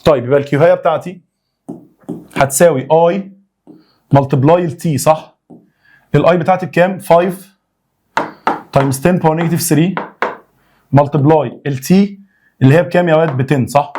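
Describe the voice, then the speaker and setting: A man's voice: a little high, quick pace, pauses often, darkish tone. A young man with an Egyptian Arabic accent, a physics teacher working through homework in a recorded lecture, coaxing and joking with students to work along. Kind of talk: recorded online lecture, solving homework problems.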